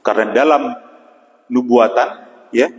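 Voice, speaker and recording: Man preaching an evening devotional, reverberant. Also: mid-range voice. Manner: unhurried, with frequent "ya" and pauses. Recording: long hall reverb.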